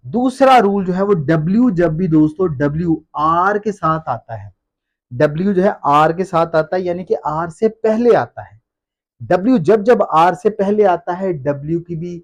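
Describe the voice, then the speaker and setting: A male teacher gives a pronunciation lesson in a classroom manner. He goes over each rule step by step and repeats words and examples so they sink in. His voice sits somewhat higher than most men's. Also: a little mellow, lo-fi sound. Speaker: English teacher.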